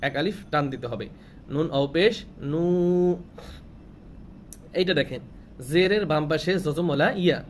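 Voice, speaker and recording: A man's voice: a little high, expressive, normal speed, long pauses, a little hiss or hum. Patient man teaching a recitation lesson. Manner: asks questions and answers them himself, repeats rules to memorize; draws out sounds when showing long vowels. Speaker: Quran reading teacher. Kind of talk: slow classroom-style recitation lesson.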